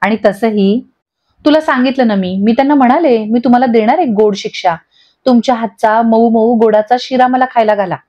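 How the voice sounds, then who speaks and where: A gentle, level-headed young wife who corrects her friend softly and calmly, voiced by a woman narrator. Her voice sits somewhat high, and the lo-fi recording dulls it. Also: a little fast, lightly acted. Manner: calm, gently scolding. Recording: dull lo-fi audio.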